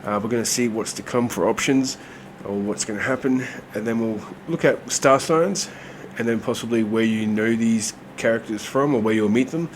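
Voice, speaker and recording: A tarot reader whose voice sits on the low side chats through a casual reading at normal speed, with few pauses. His cold makes him sound nasal and blocked up, he uses many fillers while staying relaxed, and slight background noise is present.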